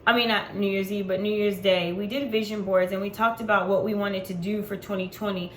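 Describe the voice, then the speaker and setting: A vlogger in her forties chats to camera in a casual, unfiltered way, filling her talk with ums. Her voice is medium-pitched and steady, and she speaks briskly. The room is echoey, with faint background noise.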